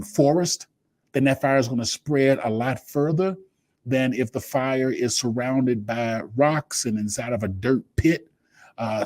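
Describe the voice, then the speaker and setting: Male leadership coach co-host, mellow dark voice, dry close sound, earnest and metaphor-heavy. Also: mid-range voice, no room sound. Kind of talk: podcast talk.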